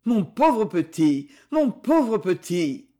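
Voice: medium pitch, sing-song, slow, warm tone. A reader voicing a cracked-voiced old priest. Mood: tender. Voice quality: cracked, tender. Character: old rheumatic village priest, gentle. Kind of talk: audiobook character reading.

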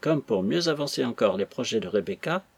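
A man reading a classic novel aloud in an expressive way. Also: medium pitch, brisk, vocal fry, slightly rough, no room sound. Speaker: audiobook narrator. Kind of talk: scripted narration of a classic novel.

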